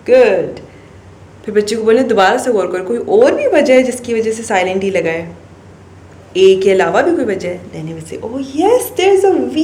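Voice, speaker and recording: A woman's voice: fairly low pitch, echoey room, a little hiss or hum. A woman teacher guiding parents through a phonics rule, mixing Hindi-Urdu and English and often checking in with "okay?". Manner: acts out the child's answers in a lively voice.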